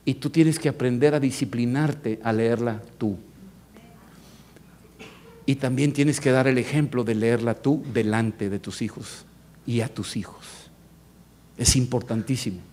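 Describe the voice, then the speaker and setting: A man with a Mexican accent preaching a sermon as pastor, emphatic, rising to loud peaks and dropping to low tones. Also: unhurried, pauses often. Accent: Mexican Spanish.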